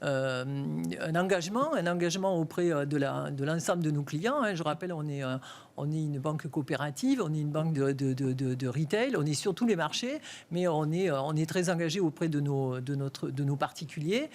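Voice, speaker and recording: A middle-aged woman speaks with a lilting southwestern French accent from Toulouse. She answers interview questions about her work, pausing often and restarting as she hunts for the right words. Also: low voice, lively intonation, a little mellow. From Toulouse, France. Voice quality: sing-song accent. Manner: halting, searching for words. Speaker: bank executive guest.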